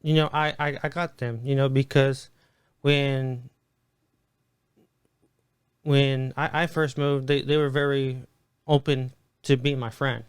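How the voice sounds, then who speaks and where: Podcast guest, middle-aged man, lively storyteller who restarts phrases often, dry close sound. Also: mid-range voice, slow pace, long pauses, smooth, no room sound. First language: Spanish. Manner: animated storyteller, many restarts, acts out quoted voices. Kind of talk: casual storytelling interview.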